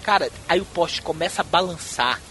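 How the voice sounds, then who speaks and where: A man from Brazil telling a wild story in a casual, profane and animated way, acting out what people said. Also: a little high, normal speed, slight background noise. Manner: profane, animated storyteller who acts out quotes. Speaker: podcast host.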